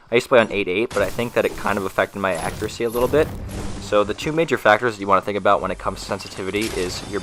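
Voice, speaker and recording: A young man with a cold-stuffed nose narrates a gaming tutorial in a loose, casual way, full of fillers and restarts. This gaming YouTuber's voice is lowish with a fairly bright tone, and there is slight background noise.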